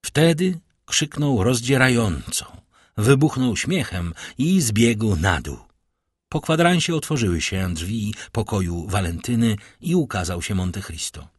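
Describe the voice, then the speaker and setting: A man narrating a classic novel in a measured, grave manner. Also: on the low side, lively intonation, slightly rough, no echo, studio quality. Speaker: audiobook narrator. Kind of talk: dramatic literary narration.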